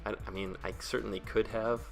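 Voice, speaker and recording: Man, low creaky voice, vocal fry endings, casual rambling speedpaint narration, hesitant, self-deprecating, music behind. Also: little pitch movement, a little fast. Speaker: webcomic artist and video creator.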